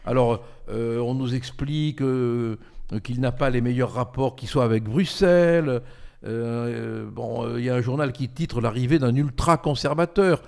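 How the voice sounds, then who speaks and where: A man's voice: mid-range voice, normal speed, gravelly, a little mellow. Hesitant older man commenting on politics. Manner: hesitant, many fillers and restarts, emphatic. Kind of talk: political talk show commentary.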